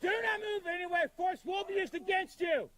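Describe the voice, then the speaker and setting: A police officer giving slow, commanding orders through a megaphone, played from a recorded clip. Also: male voice, extremely high pitch, bright, forceful tone.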